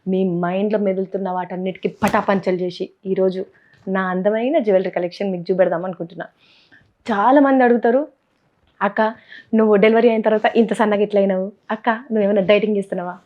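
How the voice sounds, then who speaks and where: A woman's voice: mid-range voice, fairly even intonation, quick pace. A young woman with a Telangana Telugu accent, chatting playfully in a casual vlog and mixing in English words. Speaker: vlogger. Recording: dull lo-fi sound.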